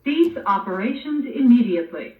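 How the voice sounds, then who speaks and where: Woman's voice over a fire alarm loudspeaker. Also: fairly high pitch, expressive, recorded from a distance. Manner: measured, formal, evenly spaced instructions. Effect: played through a fire alarm loudspeaker. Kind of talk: recorded emergency evacuation announcement. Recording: tinny alarm speaker heard from across a room, faint hiss.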